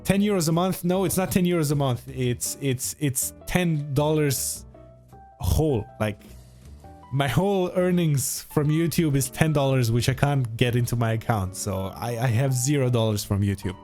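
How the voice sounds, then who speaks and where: A man in his twenties speaks with a Croatian accent at an ordinary male pitch. He chats informally like a livestreamer answering questions, opinionated and animated in his wording, with music playing behind him. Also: normal speed. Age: 20s. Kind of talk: casual livestream chat answering viewer questions.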